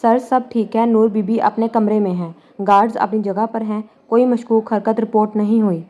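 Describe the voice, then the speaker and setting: A woman's voice: medium pitch, fairly even intonation, mellow, dull audio, natural voice. A woman reading the lines of a dutiful male bodyguard, reporting respectfully.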